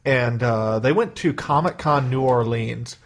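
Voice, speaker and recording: A man with a Midwestern American accent hosting a podcast in casual chat, animated and given to emphatic mock rants. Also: medium pitch, a little slow, slight background noise. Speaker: podcast host.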